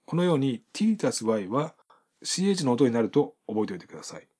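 A man calmly explaining English pronunciation rules from his book, repeating and demonstrating each example. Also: medium pitch, fast, breathy edge. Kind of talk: explanatory lesson.

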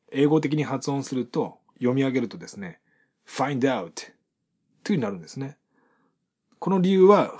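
A man calmly explaining English pronunciation rules from his book, repeating and demonstrating each example. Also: medium pitch, breathy edge. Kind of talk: explanatory lesson.

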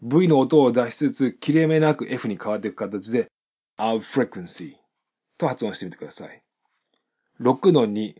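A man who speaks Japanese as his first language teaches English pronunciation in Japanese, calmly and step by step, and slows down for his model phrases. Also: mid-range voice, slightly rough. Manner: calm, methodical, with slowed model phrases.

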